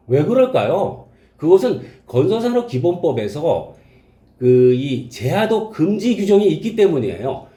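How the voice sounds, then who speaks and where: A man's voice: fairly high pitch, mellow, echoey room. A man giving an explanatory lecture on labor law, posing rhetorical questions and walking through each point step by step.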